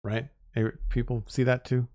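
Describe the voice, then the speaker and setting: In a dry, studio-quality recording, a man with a mid-range voice talks at a moderate pace to his live-stream chat as he builds in Minecraft. He's relaxed and chatty, though he's losing his voice from talking all day.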